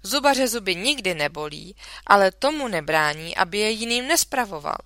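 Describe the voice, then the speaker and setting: A woman's voice: medium pitch, sing-song, sharp tone, dry recording. A woman reading a children's story aloud, voicing an indignant, scolding mother in a dry room. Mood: lecturing.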